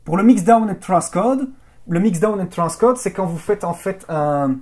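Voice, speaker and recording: A man's voice: sits high, a little mellow. Male trainer, casual screen-tutorial delivery, lots of fillers and restarts, checks in with viewers. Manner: explanatory, halting with many fillers and restarts; addresses viewers directly with check-in questions. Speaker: video editing trainer. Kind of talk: screen-recorded software tutorial.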